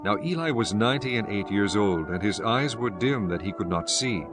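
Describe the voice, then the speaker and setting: Man, lowish voice, solemn scripture narration, measured reading, clear background music. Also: animated.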